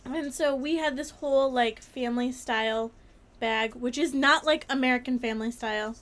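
High-voiced giggly woman chatting. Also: normal speed. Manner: giggly, animated storytelling with many fillers. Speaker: podcast co-host. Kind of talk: casual chat.

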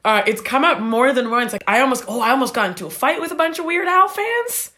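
A young woman from Canada telling a long story in a rambling, animated way, acting out what people said. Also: sits high, quick pace, crowd noise. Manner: animated, rambling, acts out quoted voices. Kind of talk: casual storytelling.

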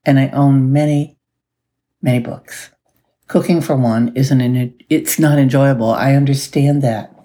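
Speaking in a mellow bass voice with a steady tone, a woman life coach hosts her own podcast, talking unhurriedly and casually. She sounds groggy, as if it's early morning, yet stays upbeat and laughs softly now and then.

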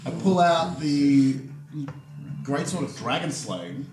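A man takes his turn in a tabletop game, speaking slowly and with a lively, swinging voice. He jokes as he goes and counts his dice aloud, and the room around him echoes. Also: a little high. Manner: jokey, unhurried, counts aloud. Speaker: player. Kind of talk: casual tabletop game play.

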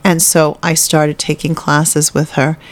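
Low-voiced chatty woman comedian. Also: level tone, a little slow. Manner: chatty, candid, with frequent fillers. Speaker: guest, stand-up comedian. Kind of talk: casual interview conversation.

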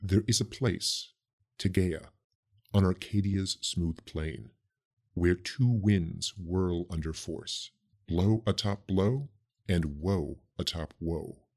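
A man voicing a solemn, cryptic ancient priestess who speaks prophecies slowly and gravely. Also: low voice, a little mellow, pitched below the performer's own voice, heavily acted. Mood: solemn prophetic. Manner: slow, grave, prophetic delivery.

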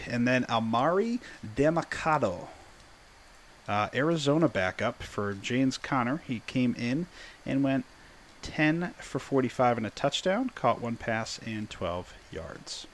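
A man's voice: mid-range voice, slight background noise. A man hosting a casual sports talk, joking and conversational. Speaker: podcast host.

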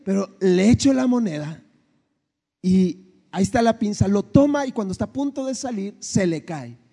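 A male pastor with a Mexican accent telling a folksy story in his sermon, lively and animated. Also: high-pitched, normal speed, creaky. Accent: Mexican Spanish. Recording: echoey hall reverb.

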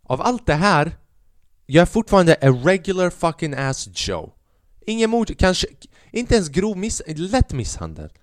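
Lively-voiced man telling stories. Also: high-pitched, no echo, clean studio sound. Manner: animated, profane, rambling. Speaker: podcast host and stand-up comedian. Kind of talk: casual storytelling monologue.

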